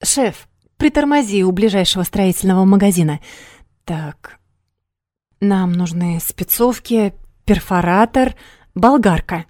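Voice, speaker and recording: A woman reading an audiobook, voicing a brash, scheming young man who talks loud and pushy. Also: mid-range voice, lively intonation, measured pace, no room sound, studio quality, natural voice.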